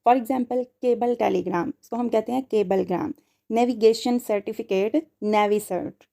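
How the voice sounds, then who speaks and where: A woman's voice: on the high side, normal speed, gravelly, mellow. A woman teaching a language lesson to students, explaining step by step, restating each point and mixing in English terms. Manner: repeats and rephrases points step by step.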